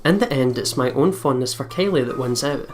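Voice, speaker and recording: Reading a visual novel aloud in a let's play, a man mixes in giggly, chatty remarks between passages while game music plays. His mid-range voice moves a little fast.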